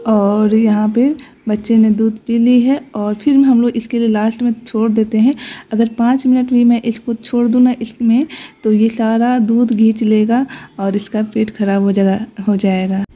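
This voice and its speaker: Dark-voiced woman vlogger talking earnestly. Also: on the high side, flat delivery, normal speed. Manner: earnest, explaining and defending herself to viewers. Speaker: village vlogger. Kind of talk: casual voice-over vlog.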